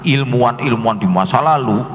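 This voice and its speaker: A man, an expert giving an explanatory talk at an Islamic forum, animated and fond of acting out the people he quotes. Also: mid-range voice, a little fast. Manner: animated, acts out quoted speakers in dialect. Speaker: DNA expert speaker. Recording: echoey hall with long reverb.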